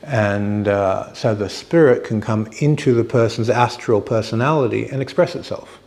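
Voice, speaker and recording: A man teaching informally, explaining step by step with pauses as he finds his words. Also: lowish voice, creaky, a little mellow. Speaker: teacher of hypnotherapy and meditation.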